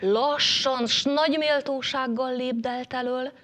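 Woman telling a lively folk tale. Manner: lively, shifting pitch and loudness with the action. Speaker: storyteller.

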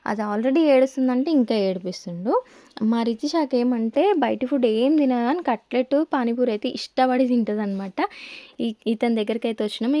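This is a young woman with a Telangana Telugu accent, chatting through a family vlog with a slightly high voice. She tells her story in an easy, talkative flow and slips in quoted asides. The sound is dry and close to the mic. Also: dark tone, no room sound. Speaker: family vlogger. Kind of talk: casual vlog narration.

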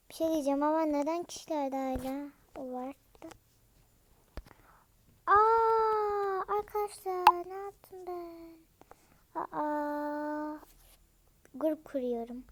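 High-pitched young girl vlogging. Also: a little mellow, slight background noise. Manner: chatty, often drops to a whisper. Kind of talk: casual chat to viewers.

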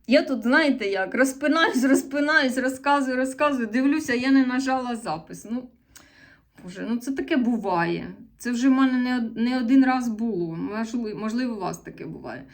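A woman's voice: fairly high pitch, moderate pace. A woman from eastern Ukraine with a Sumy regional accent, chatting casually to camera in a vlog, rambling and correcting herself, earnest and a bit defensive. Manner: earnest and a little defensive when answering comments. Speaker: vlogger.

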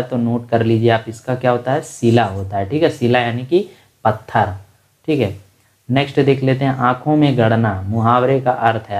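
A man's voice: mid-range voice, a little mellow. Man explaining quiz answers step by step. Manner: explanatory, repeats answers for emphasis; calls listeners "friends". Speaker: exam prep teacher. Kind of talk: online grammar lesson.

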